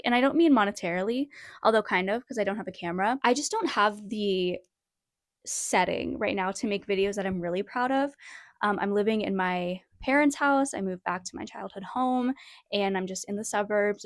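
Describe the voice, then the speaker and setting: A woman's voice: medium pitch, no room sound, clean studio sound. A young woman in her twenties chatting casually in a rambling, self-deprecating way, filmed on her phone in her bedroom. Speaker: writing vlogger. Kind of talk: casual vlog chat. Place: bedroom in parents' suburban house.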